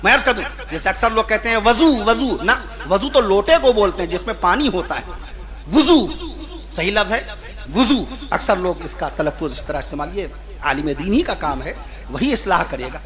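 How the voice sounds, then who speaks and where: A man preaching at a religious gathering. He builds long, repeated lists that swell into shouts, then stops to spell out the correct pronunciation of names. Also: sits high, animated, a little fast. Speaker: Islamic preacher. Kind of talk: impassioned sermon at a religious gathering.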